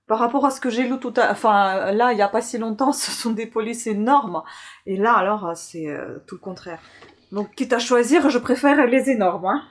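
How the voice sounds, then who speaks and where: A woman's voice: on the high side, normal speed. A woman vlogger chatting casually through a book haul, hesitant and full of filler sounds.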